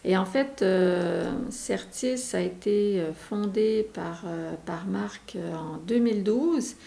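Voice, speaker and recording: A middle-aged woman with a Québécois accent speaks in a radio interview. Her voice has a gravelly fry, and she fills her sentences with hesitations and restarts. The room sounds echoey. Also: mid-range voice, slow, warm tone. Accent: Québécois French. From Quebec, Canada. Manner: hesitant, many fillers and restarts. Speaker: co-founder interviewed as guest. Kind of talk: radio interview, casual explaining.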